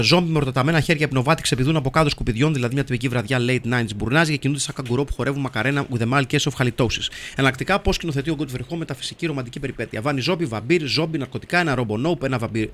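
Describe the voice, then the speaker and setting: A man hosting a comedy show, reading listener film reviews in a wry, mock-solemn deadpan. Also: on the high side. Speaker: host reading listener comments.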